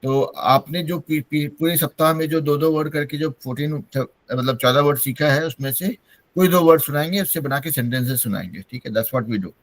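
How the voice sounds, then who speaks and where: A man's voice: a little high, normal speed, no echo. A man from Bihar teaching an online English-speaking class over a video call, explaining patiently in a mix of Hindi and English. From Bihar, India.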